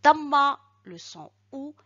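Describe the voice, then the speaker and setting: A woman teaching Arabic letters and short vowels, speaking slowly and deliberately and pronouncing each syllable carefully for learners to repeat. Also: high voice, expressive, pushed and bright. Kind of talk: slow instructional lesson. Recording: dull lo-fi recording.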